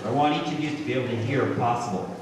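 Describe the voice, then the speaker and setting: A man acting as master of ceremonies at a family reunion dinner, announcing briskly and asking guests to introduce themselves. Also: mid-range voice, noisy background. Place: large indoor hall at a dinner. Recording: echoey banquet hall, far camcorder mic, crowd chatter.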